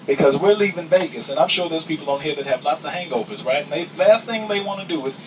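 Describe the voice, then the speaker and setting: A man working as a flight attendant gives a comedic cabin announcement with playful, mock-stern deadpan sass and emphatic repetition. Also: on the high side, fast, dull audio. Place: aircraft cabin. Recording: distant, noisy aircraft cabin capture.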